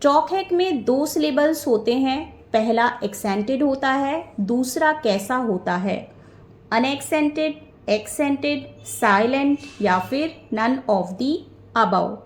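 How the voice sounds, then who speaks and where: A young woman with an Indian English accent, teaching an exam quiz lesson. She reads each English question slowly and deliberately, then explains it in Hindi. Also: high-pitched, animated, echoey room.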